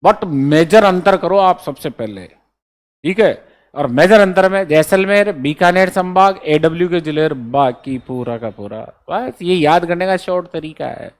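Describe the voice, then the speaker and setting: A man with a voice on the high side lectures at a measured pace, coaching exam students through memory codes one letter at a time. He returns to the class often to check understanding and reiterate the essentials.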